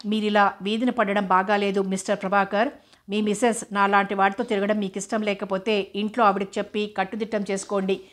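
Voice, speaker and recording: A woman reading the part of a calm, mocking man who needles his rival and lectures him. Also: mid-range voice, a little fast, lightly acted. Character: smug, mocking adult man, cool under pressure.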